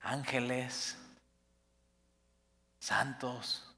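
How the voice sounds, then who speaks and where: A man delivers a sermon in a bright, forceful voice. He swells to emphatic peaks and then sinks almost to a hush. A long reverb trails behind him, as in a church hall. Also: mid-range voice, very slow. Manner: expressive, rising to emphatic peaks then dropping soft. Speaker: pastor.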